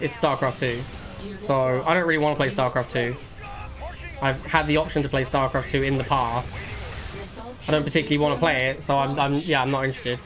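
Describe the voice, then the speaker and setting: A man giving casual live commentary as he streams a game, musing and repeating himself in a conversational way. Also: mid-range voice.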